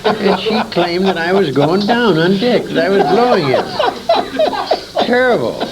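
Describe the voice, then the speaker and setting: Reminiscing for a noisy amateur interview, an older man who worked in old-time radio talks in a high-pitched voice with lively intonation, a little slowly. His stories ramble, land with emphasis, and have a salty, bawdy flavor.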